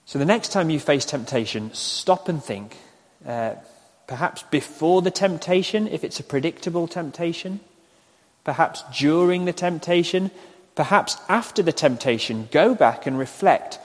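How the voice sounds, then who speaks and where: A man preaching a sermon in a slow, deliberate way, with emphatic pauses. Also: on the high side, lively intonation. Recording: long hall reverb.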